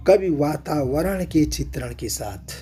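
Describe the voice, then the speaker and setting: A man explaining a classic poem, line by line, in a measured way of talking with short phrases. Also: on the high side, animated, dark tone. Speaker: literature teacher.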